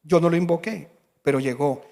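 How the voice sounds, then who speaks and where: High-voiced pastor preaching. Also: male voice, a little fast, creaky, darkish tone, in a large hall. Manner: storytelling, emphatic. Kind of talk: sermon.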